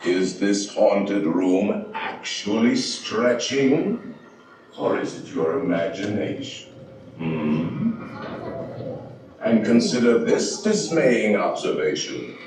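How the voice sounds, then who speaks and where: Booming, echoing, deep villainous ghost host. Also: male voice, big pitch swings, takes it slowly, darkish tone. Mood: ominous, taunting. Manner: booming, echoing villain monologue, theatrical and menacing. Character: sinister, courtly male ghost host of a haunted mansion. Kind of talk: scripted attraction narration. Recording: echoing chamber, distant mic, noisy ambience.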